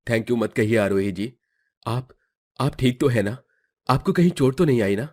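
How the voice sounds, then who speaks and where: A man's voice: mid-range voice, lively intonation, moderate pace, darkish tone, lightly acted. A man voicing a polite, lovestruck young man. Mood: earnest. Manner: courteous, earnest, stammers when nervous. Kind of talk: Hindi cartoon voice acting.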